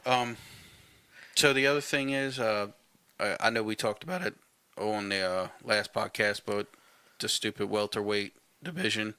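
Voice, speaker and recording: A man's voice: lowish voice, steady tone, normal speed, bright, forceful tone, clean tone, no echo. A man co-hosting a casual sports podcast, blunt and opinionated, swearing casually as he gives his takes. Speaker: podcast co-host.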